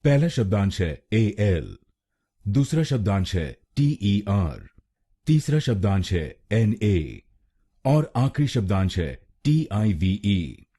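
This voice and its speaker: A man with an Indian accent giving a slow, deliberate pronunciation lesson, breaking a word into syllables and repeating each one. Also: lowish voice, sing-song, mellow, husky. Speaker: pronunciation teacher.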